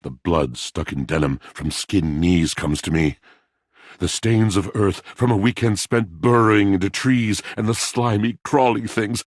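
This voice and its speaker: For a video game, a male actor voices a brooding, melancholy washing machine imagined as a wounded poet, delivering lines in a gravelly rumble with florid, pompous theatricality. The recording is studio quality with no echo.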